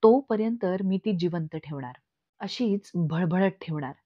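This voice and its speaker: Bitter vengeful aunt, taunting, sharp, read by a woman, dull lo-fi sound. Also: on the low side, animated, unhurried, no echo. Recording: dull lo-fi recording.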